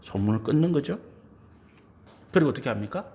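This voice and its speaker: A man's voice: medium pitch, animated, fairly quick, mellow, slight background noise. A man preaching a sermon as pastor, acting out quoted family members in his own voice. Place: church sanctuary.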